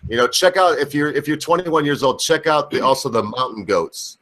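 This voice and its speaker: A man's voice: mid-range voice, a little fast, a bit bright. A man in his forties hosting a late-night livestream, rambling and joking with crude humor. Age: 40s. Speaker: livestream host. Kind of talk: casual late-night chat.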